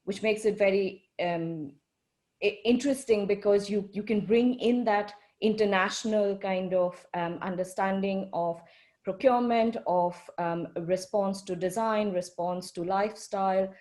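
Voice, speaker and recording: A woman architect speaking as a panelist, thoughtful, with frequent pauses and ums. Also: medium pitch, darkish tone. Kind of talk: panel discussion.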